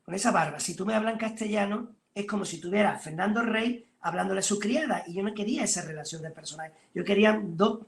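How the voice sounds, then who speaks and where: A middle-aged film director on a video call, telling stories animatedly and acting out conversations. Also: male voice, high-pitched, fast talker, vocal fry, hardly any pauses. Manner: animated storytelling, acting out quoted dialogue. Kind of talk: conversational interview.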